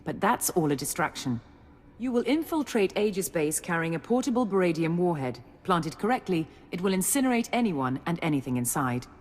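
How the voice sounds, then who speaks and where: A woman's voice: lowish voice, sing-song, brisk. A woman playing a stern, businesslike Imperial military officer in a video game, briefing with authority. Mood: businesslike, resolute. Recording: long hall reverb.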